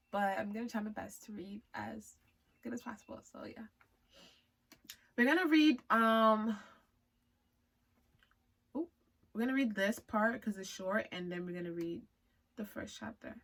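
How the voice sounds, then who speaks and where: A woman from Liberia, speaking English with a Liberian accent as a non-native speaker, chats casually with viewers and reads her own story aloud. Her voice is medium-pitched, and she uses playful slang and giggles often.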